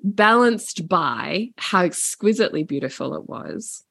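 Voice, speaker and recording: Lively woman telling stories. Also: lowish voice, unhurried, gravelly, breathy edge, dry recording, studio quality. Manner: animated, acts out voices in stories, swears casually. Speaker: podcast guest. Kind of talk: casual storytelling.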